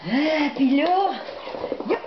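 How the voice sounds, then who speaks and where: A Québécois woman coos at her dog in a high, slow, doting baby-talk voice, laughing as she goes. The sound is dull and echoey, with steady noise behind her. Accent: Québécois French. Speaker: dog owner. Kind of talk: home video talking to her dog. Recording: echoey, dull, noisy home recording.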